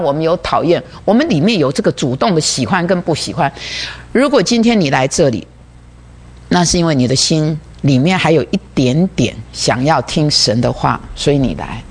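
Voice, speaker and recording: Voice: medium pitch, husky. A preacher giving a sermon that explains a diagram, who often repeats words and keeps asking the listeners rhetorical questions.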